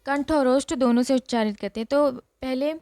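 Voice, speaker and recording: A woman's voice: high-pitched, moderate pace, warm tone. A woman teacher giving an exam revision lesson, repeating each rule and quizzing her listeners. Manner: repeats rules and asks questions to the class.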